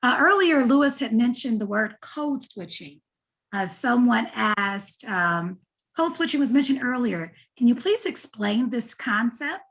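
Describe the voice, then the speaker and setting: A woman's voice: fairly high pitch, lively intonation, unhurried, fairly bright tone, slightly rough. A woman moderating a panel, attentive and affirming as she reads out questions.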